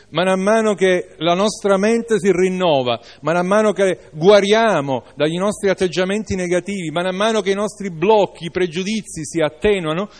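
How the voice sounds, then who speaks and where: A man preaching a sermon, reading a Bible passage aloud and then exhorting his listeners with informal asides. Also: sits high.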